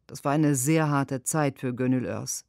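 Woman doing voice-over for interview answers, earnest and steady, dry studio sound. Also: rumbling low, measured pace, gravelly, dry recording. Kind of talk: read translated interview answers.

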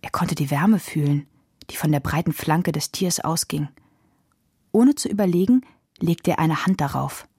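A woman narrating a children's audiobook in a calm storytelling voice. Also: sits low, moderate pace, breathy edge, dry recording, studio quality.

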